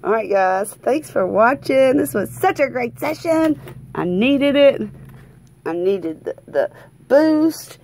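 Her voice is high, expressive and a little mellow, and she speaks slowly: a Southern US woman hosting a lottery scratch-off video. She chats exuberantly and folksily, repeating phrases for emphasis, while only her hands appear at an indoor tabletop. A little hiss or hum can be heard.

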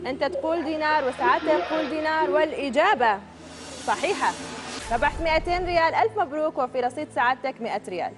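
A woman hosting a televised quiz show from a studio, reading out questions and answer options crisply and upbeat. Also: high voice, very fast. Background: show music.

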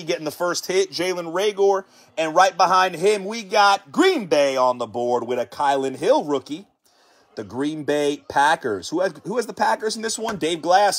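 His voice is high-pitched and expressive as this U.S. host runs a live sports card break. He's hyped and talkative, firing off call-outs for every card he pulls, repeating catchphrases, and getting the viewers excited.

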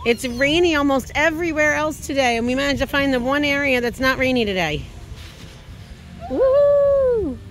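A cheerful woman from Philadelphia filming a family vlog at an outdoor playground, excitedly coaxing her kids along. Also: sits high, quick pace, hardly any pauses, slight background noise. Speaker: mother filming a family outing. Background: music playing.

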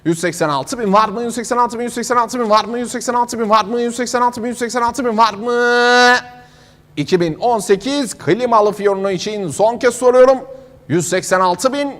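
A man's voice: extremely high pitch, fairly quick, fairly bright tone. A man working as a car auctioneer, calling bids in a repetitive chanting manner. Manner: repetitive chanting bid calls. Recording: long hall reverb.

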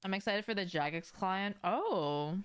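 In a small room at home with shelves, a young woman streams a game and chats casually with viewers, informal and slangy with a tendency to swear. Her medium-pitched voice is clear and resonant, and her pace is a little slow.

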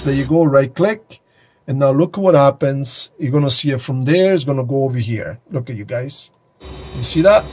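This flight sim hobbyist has a fairly high voice with a darkish tone, and there's slight background noise on the phone recording made in his sim room. He casually guides viewers through powering up the cockpit, talking straight to them as he clicks through screens.

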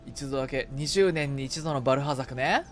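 This man streams a co-op video game with its music playing behind him, keeping the chat casual and playful. His mid-range voice is a bit bright and moves at a fairly quick clip.

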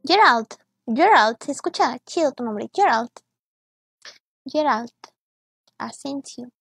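A woman's voice: sits high, lively intonation, slow pace, fairly bright tone, husky, no room sound. A young woman, chatting playfully on a live gaming stream, teasing and mock-exasperated as she thanks viewers by name. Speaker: VTuber streamer.

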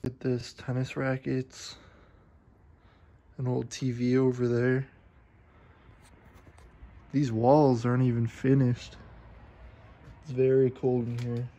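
A man exploring an abandoned farmhouse on a handheld phone camera, commenting on what he finds in a curious, low-key way. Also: monotone, takes it slowly, long pauses, mellow, rough recording. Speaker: urban explorer vlogger. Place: abandoned farmhouse and yard, indoors and out.

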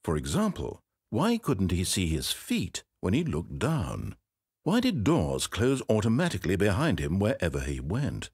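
A husky, lower-voiced man tells the story of a video game with wry theatrical flair, his pitch leaping wildly up and down. Recorded in a dry studio booth with no echo, he takes his time and swings from hushed asides to sudden exclamations in an exaggerated voice.

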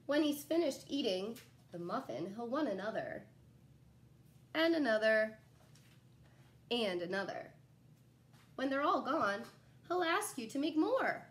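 A young adult woman reading a children's picture book aloud like a teacher, in an animated, expressive way with asides to young listeners. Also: fairly high pitch. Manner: animated, pausing to ask young listeners questions. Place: small living room at home, indoors. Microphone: phone camera a short distance away.

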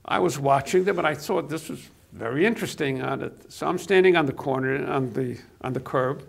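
Brisk and gravelly at mid-range pitch, an older man from Poland, Yiddish his native tongue, reminisces during a studio interview. He's a guest on a TV set with a lapel mic, and his speech is hesitant, dotted with fillers and restarts.

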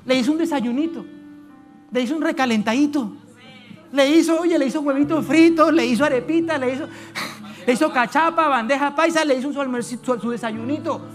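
A man's voice: very high voice, fairly quick, soft background music. A man preaching a sermon as minister, telling stories with acted-out voices and asking the congregation questions.

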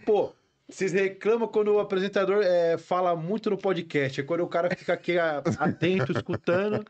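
A man's voice: sits high, fairly quick, muffled recording. A man hosting a podcast, joking in a mock-complaining, profane way. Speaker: podcast host. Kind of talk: casual podcast chat.

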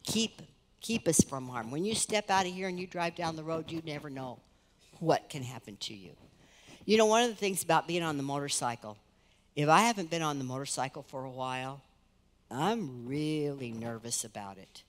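A middle-aged American woman pastor preaches a sermon from the stage of a large church hall at normal speed. Earnest and conversational, her pitch swings between lifted emphasis and quiet, low asides, and the room gives her voice a long reverb.

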